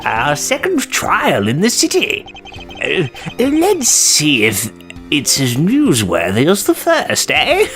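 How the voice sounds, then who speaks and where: A man's voice: a little high, wildly swooping pitch, takes it slowly, a bit bright, soft background music, pitched above the performer's own voice, full character voice. A man voicing a doddering, jovial elderly courtroom judge from a video game, with a wavering, stammering old-man voice. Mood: jovial, befuddled. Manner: hesitant, stammering, rambling.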